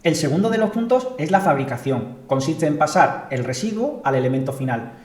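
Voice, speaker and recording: A man mentoring startups, narrating a case study in a measured, explanatory way. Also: a little high, lively intonation, a little mellow. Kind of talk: scripted narration. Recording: echoey room.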